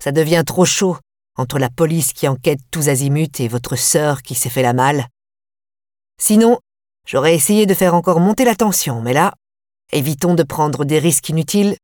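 A scheming male killer with a cold, sneering edge, put on by a woman reading an audiobook. The voice sits low and is heard close and dry. He sounds menacing. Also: lively intonation, moderate pace, a little mellow, no room sound. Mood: falsely cheerful.

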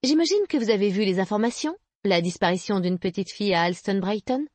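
A woman's voice: medium pitch, animated, fairly quick, darkish tone, no room sound, close to an everyday voice. A woman voicing a blunt, skeptical woman investigator who asks dry, curt questions in an audiobook. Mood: pressing.

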